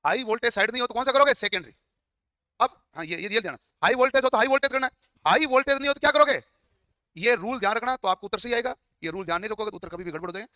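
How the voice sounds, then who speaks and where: A man's voice: high-pitched, rapid-fire, bright, forceful tone, no room sound, clean studio sound. A man teaching a class, firing questions at his students and answering them himself. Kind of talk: classroom lecture.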